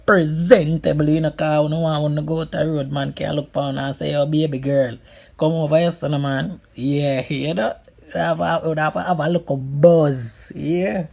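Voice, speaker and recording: A Jamaican man gives a casual, humorous commentary in a husky voice with plenty of creak. He speaks in Patois slang and repeats short phrases to drive them home. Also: fairly high pitch, fairly even intonation, normal speed, hardly any pauses, darkish tone. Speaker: friend doing a makeup voice-over.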